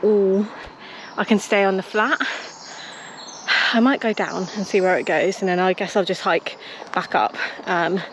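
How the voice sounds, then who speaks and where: A British woman vlogs casually as she jogs along outdoor paths. Her voice sits at a middle pitch and she chats informally as a runner talking to camera. Clear outdoor noise runs behind her. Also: fairly even intonation, unhurried. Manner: talking while out jogging. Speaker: running vlogger. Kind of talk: casual vlog chat to camera. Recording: noisy outdoor ambience.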